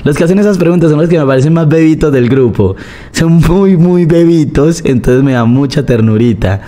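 A man's voice: on the high side, moderate pace, mellow, pitched above the performer's own voice, natural voice. A man putting on a sing-song baby-talk voice aimed at youngsters, drawn out and teasing. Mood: cooing, teasing.

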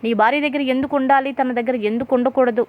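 Woman reading a harsh old family patriarch who scolds loudly, tinny sound. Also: a little high, steady tone, moderate pace, natural voice. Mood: stern scolding. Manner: scolding, shouting. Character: stern older man, a father and head of the house.

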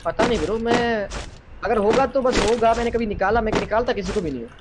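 A male gaming streamer with a strikingly high voice talks casually and jokes with his squad. His chat runs in a relaxed, bantering way. Game noise sits clearly underneath him. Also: fast talker. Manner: chatty, joking banter with teammates. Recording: noisy game audio behind.

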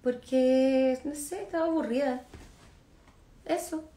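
A Chilean singer in her 30s chats with fans on a livestream from her living room, reading their comments into a phone camera held at arm's length. Her voice is warm and mellow, sitting high and moving slowly. She's relaxed and talkative, laughing often and trailing off into ums and other fillers.

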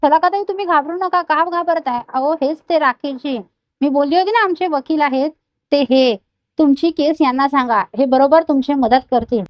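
A woman's voice: sits high, moderate pace, dry recording, close to an everyday voice. Woman voicing a bold young woman, scolding. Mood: reassuring. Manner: firm, scolding.

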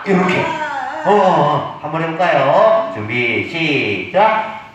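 A man leading older women through an arm-swinging game, coaxing them along and counting out loud. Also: on the high side, big pitch swings, takes it slowly, heavy reverb, distant mic, highs cut off, very noisy. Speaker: senior recreation instructor. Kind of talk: leading a seniors' movement game.

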